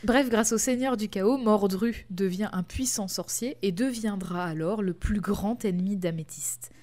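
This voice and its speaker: A woman's voice: mid-range voice, unhurried, a little mellow. Woman podcast host rambling about comics, lots of euh and restarts. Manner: chatty, explains comic history with many fillers and restarts. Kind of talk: casual chat.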